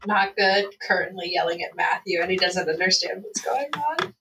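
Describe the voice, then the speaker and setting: A woman's voice: fairly low pitch, normal speed, creaky, sharp tone, slight background noise, poor audio. A woman player in a tabletop game, speaking casually and matter-of-factly.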